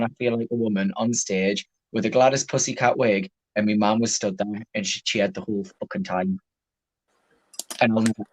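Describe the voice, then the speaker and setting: A man's voice: mid-range voice, poor audio. A man, a drag queen guest telling stories in a casual chat, swearing a lot and laughing as he talks.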